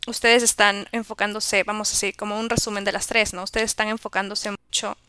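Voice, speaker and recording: A woman's voice: mid-range voice, flat delivery, brisk, pushed and bright, smooth, no room sound. A woman guest reading tarot in a casual chat, now and then slipping English phrases into her Spanish. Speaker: podcast guest tarot reader.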